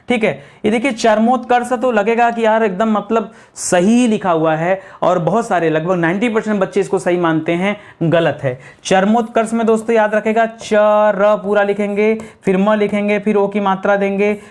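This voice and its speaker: Male tutor, exam-prep lecture, call-and-response drilling, slow letter-by-letter spelling. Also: high-pitched. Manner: drills students with repeated questions and answers; slows down to spell words out letter by letter. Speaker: Hindi grammar teacher.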